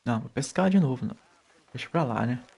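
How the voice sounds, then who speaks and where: A man's voice: mid-range voice, expressive, racing, creaky, darkish tone, slightly rough. A man with a Brazilian Portuguese accent giving casual commentary as he streams a game live.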